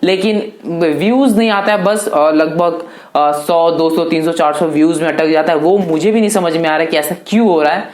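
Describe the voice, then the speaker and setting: A man's voice: on the high side, fairly even intonation, moderate pace, few pauses, a little mellow. An eighteen-year-old man answering viewer questions in a casual, chatty vlog, loosely talking to viewers as brothers. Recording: echoey room.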